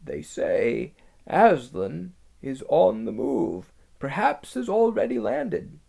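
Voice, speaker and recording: A man puts on a nervous talking beaver from a storybook, hoarse and throaty, always half-whispering. The voice rides higher than plain speech and lurches up and down with a gravelly edge. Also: wildly swooping pitch, takes it slowly, exaggerated voice. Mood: confiding. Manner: urgent, hushed and cautious. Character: wary, secretive male talking beaver.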